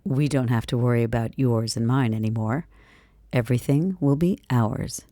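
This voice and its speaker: A woman narrator plays an easygoing fiancé in a cozy mystery audiobook. He is doting and playfully teasing, with a low, mellow voice and a dry, close sound. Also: normal speed, no echo. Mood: tender teasing. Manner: light-hearted teasing.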